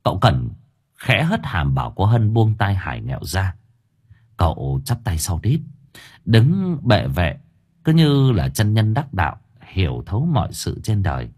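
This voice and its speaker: A man narrating a story in a lively, colloquial way. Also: low voice, a little slow, breathy edge. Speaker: audiobook narrator.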